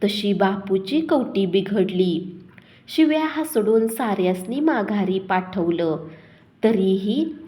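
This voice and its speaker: A woman narrating a first-person village story in a measured, dramatic way. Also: medium pitch, animated, dark tone.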